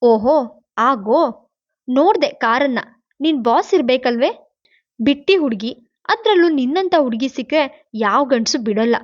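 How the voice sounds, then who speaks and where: A woman's voice: high voice, animated, a little slow, long pauses. A woman reading as a harsh jealous young man. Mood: sneering. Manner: harsh, sneering. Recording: dull lo-fi, dry.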